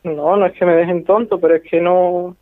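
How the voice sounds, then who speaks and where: On a phone call, a young man who is the victim of a prank call speaks hesitantly and keeps repeating himself. His voice sits high with fairly even intonation, and he talks a little fast. The recording has no echo.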